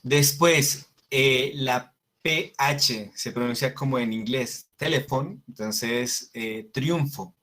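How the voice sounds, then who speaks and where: Man, latin teacher, online class, slow, hesitant, restarts often. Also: medium pitch, fairly even intonation, bright, forceful tone. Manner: slow, halting explanation with many fillers and restarts; checks in with listeners by asking "sí?".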